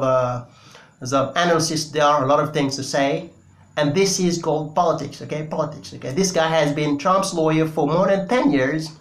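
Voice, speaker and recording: A Senegalese man whose first language is Wolof speaks English in a voice on the high side and a bit bright, with roomy sound. Addressing the camera, he gives emphatic political opinion commentary, using many fillers.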